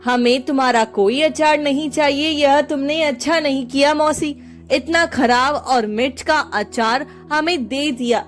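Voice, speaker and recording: A woman's voice: high-pitched, a little slow, soft background music. A woman voicing angry villagers who scold and accuse.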